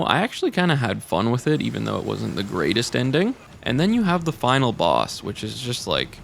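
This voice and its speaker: A man's voice: mid-range voice, gravelly, a bit bright, slight background noise. A young man voicing a scripted game review, candid and casually blunt, speaking close to the mic.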